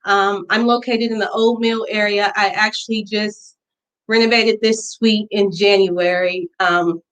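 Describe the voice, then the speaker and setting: A woman presenting a pitch for her hair salon in an earnest, heartfelt way. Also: steady tone, unhurried, a bit bright, rough recording. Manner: earnest and emotional, fighting back tears at times. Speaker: business pitch contestant, hair stylist. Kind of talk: virtual business pitch presentation.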